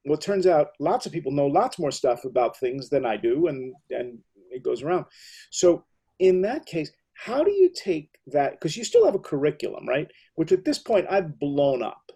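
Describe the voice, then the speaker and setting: A man's voice: mid-range voice, vocal fry, warm tone, husky. A middle-aged American man hosting an interview, telling rambling, enthusiastic stories. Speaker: host. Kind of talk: casual interview talk.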